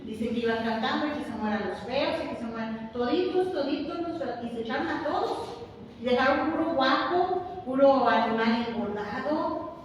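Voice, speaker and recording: Woman preacher, high voice, lively and humorous; echoey church hall, mic far off. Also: a little hiss or hum. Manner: lively, humorous, acts out little scenes. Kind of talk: sermon.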